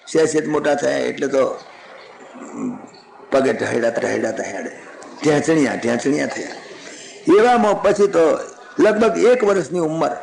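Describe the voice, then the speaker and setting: Gravelly-voiced man telling a scripture story. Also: medium pitch, roomy sound, poor audio. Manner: lively folksy storytelling with asides and chuckles. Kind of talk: devotional story sermon.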